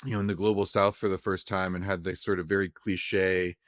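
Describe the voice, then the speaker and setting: Deep-voiced young guy from california, film director, rambles with restarts, dry sound. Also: level tone, fairly quick, no room sound. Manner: rambling, frequent restarts and fillers. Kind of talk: casual interview conversation.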